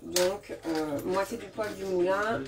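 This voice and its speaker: Over a noisy background, a woman with a mid-range voice speaks slowly while showing a recipe on a live stream. Her home-kitchen chat is casual, with plenty of fillers and restarts, and she responds to viewer comments. The distant mic picks up clatter and clinking dishes and utensils.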